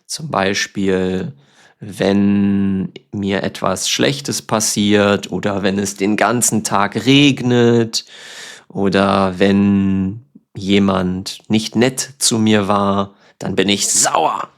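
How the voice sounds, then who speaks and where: A man's voice: fairly low pitch, steady tone, extremely slow. A man from Germany hosting a language podcast, explaining words patiently with simple examples. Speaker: German teacher, podcast host. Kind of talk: slow, clear teaching talk.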